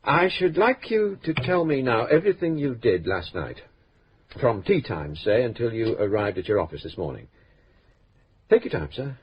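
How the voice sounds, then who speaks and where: Man acting urbane fifties police inspector, dry and courteous, lively pitch, faint hiss behind. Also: normal speed, lo-fi sound, natural voice. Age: 50s. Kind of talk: radio drama acting.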